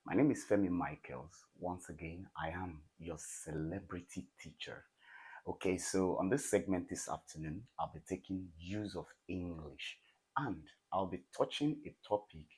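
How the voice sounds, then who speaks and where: A man with a Nigerian accent teaching an English grammar lesson in a classroom, often pausing to ask students questions. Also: low voice, darkish tone, breathy edge. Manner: call-and-response questioning of students. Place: classroom with a board.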